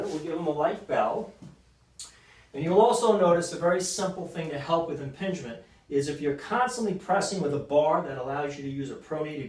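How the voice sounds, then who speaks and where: A man's voice: a little high, darkish tone. A man, a sports injury doctor, explaining an exercise and coaching a client through repetitions. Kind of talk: exercise demonstration. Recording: roomy echo, mic at a distance.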